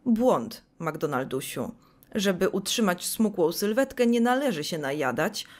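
A woman's voice: fairly low pitch, big pitch swings, a little slow. Woman reading a scripted video essay. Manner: dry, sarcastic commentary. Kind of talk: scripted narration reading book excerpts.

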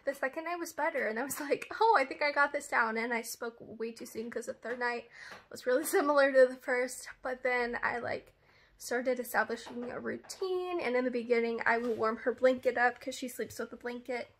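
A woman talking casually in a vlog, chatty and rambling, with frequent fillers and asides. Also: normal speed. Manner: breaks into a high sing-song when talking to her puppy. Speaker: vlogger. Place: outdoors at first, then indoors.

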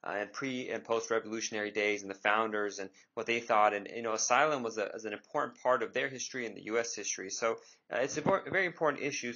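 A man who hosts an interview podcast as an immigration attorney speaks in a mid-range, sharp-toned voice, captured on a muffled recording. He keeps it casual and conversational, often using fillers and starting sentences over.

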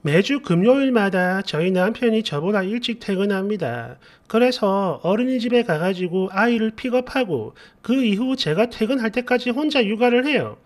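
A man narrates a community post as a first-person story, in a chatty, complaining way. His voice sits very high for a man. His pitch moves in a lively way.

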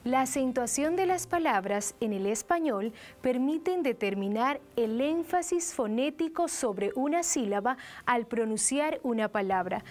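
A woman with a Dominican Spanish accent teaching a televised grammar lesson, enunciating each word slowly and carefully. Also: a little high, animated, a little mellow.

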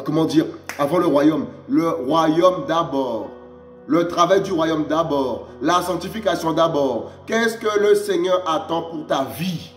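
Emphatic high-voiced French preacher, echoey. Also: male voice. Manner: emphatic, repeats "mes amis" in a low drop; rhetorical questions, rising exclamations. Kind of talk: sermon.

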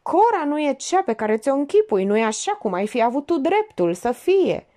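A woman's voice: a little high, big pitch swings, dark tone, voice pushed up. A woman voicing a pompous, sanctimonious middle-aged male notary in an audiobook, speaking in a theatrical, preachy way. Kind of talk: audiobook character voice.

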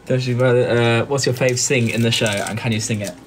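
A man's voice: mid-range voice, fairly even intonation, moderate pace, background noise. A man chatting playfully as host of a backstage live stream, slipping into silly voices, recorded on a phone in a dressing room. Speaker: cast member hosting a backstage live stream. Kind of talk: casual backstage chat.

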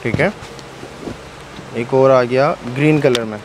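A man's voice: medium pitch, slow pace, noisy background. A man hosting a shop-tour vlog, chatty and constantly affirming, recorded on a handheld camera in a fabric warehouse. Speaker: vlog host. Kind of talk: casual shop-tour commentary.

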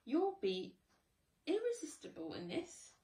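A woman reading a storybook aloud and voicing a fussy, eager male shop assistant in a high, quick voice. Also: wildly swooping pitch, warm tone, far from the mic, full character voice. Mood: eager, flattering. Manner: high, fast, gushing salesman voice. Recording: echoey room, voice off-mic.

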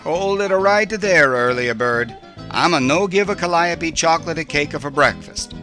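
A man doing a strict Italian cook, bright. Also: fairly high pitch, expressive, moderate pace, soft background music. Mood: stern. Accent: put-on Italian. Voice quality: mock-Italian "a" endings on words. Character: fussy male Italian-style cook, strict.

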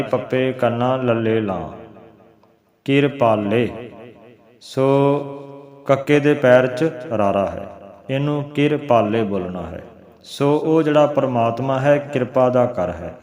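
A man gives an unhurried scripture lesson at a mid pitch, chanting each verse slowly before he explains it. His voice rings in a noticeably echoey room. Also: darkish tone. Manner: slow, deliberate, chants the verses, then explains. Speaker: Gurbani teacher.

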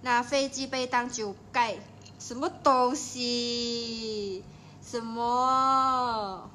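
A woman's voice: a little high, fairly even intonation, slow pace, a bit bright, a little hiss or hum. A young Malaysian woman with a Malaysian Mandarin accent, chatting playfully with viewers on a livestream from home. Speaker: livestream host. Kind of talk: casual livestream chat.

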